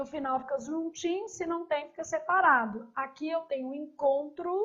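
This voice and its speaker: Woman teacher going over test answers, high voice, keeps asking "ok?", kinda muffled recording. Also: fairly bright tone. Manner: explains step by step, checks in with tag questions. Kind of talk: recorded exam review lesson.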